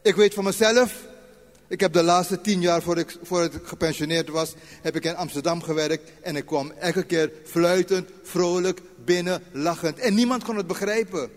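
High-voiced older Dutch preacher, echoing hall. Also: male voice. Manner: varies loudness widely, slows for scripture. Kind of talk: sermon.

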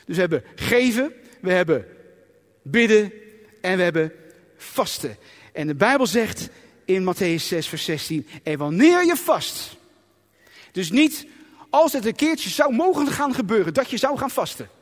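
A male pastor delivers a sermon with emphatic, dramatic stresses and acts out inner voices. His voice sits very high, and a long reverb from a large hall trails each line. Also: animated, normal speed, pauses often.

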